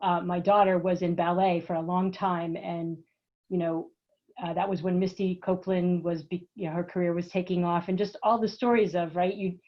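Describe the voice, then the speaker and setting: A woman's voice: lowish voice, flat delivery, normal speed. A woman taking part in a book discussion over a video call, talking thoughtfully with conversational fillers. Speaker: participant. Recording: muffled video call audio.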